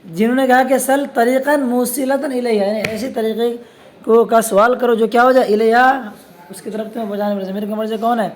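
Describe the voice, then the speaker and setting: In a religious studies class on scripture grammar, a man with a very high, fairly evenly intoned voice keeps questioning his students and supplying the answers himself. He reads Arabic passages slowly and slips in casual, teasing remarks.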